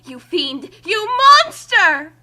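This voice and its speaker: High and bright, a woman speaks slowly with an expressive, forceful delivery while co-hosting a casual group fan-fiction reading. She banters and comments in a theatrical, mock-dramatic style. Background music plays underneath.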